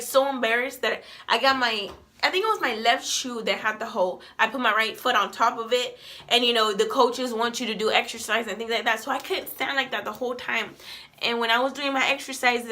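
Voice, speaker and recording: A woman in her twenties telling a personal story to the camera in a halting, emotional, rambling way. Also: fairly high pitch, pushed and bright. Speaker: vlogger.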